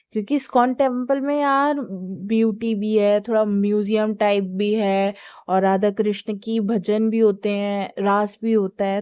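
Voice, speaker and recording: Chatty young woman, smooth clear voice. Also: medium pitch, darkish tone, dry recording, dull audio. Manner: chatty, with many fillers and English words mixed in. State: tired. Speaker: travel vlogger. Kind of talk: casual vlog narration.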